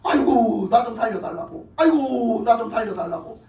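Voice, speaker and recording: A woman preacher voicing a greedy, panicky ancient king who shouts and then begs loudly. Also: a little high, expressive, normal speed, roomy sound, distant mic, lo-fi sound, natural voice. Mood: pleading.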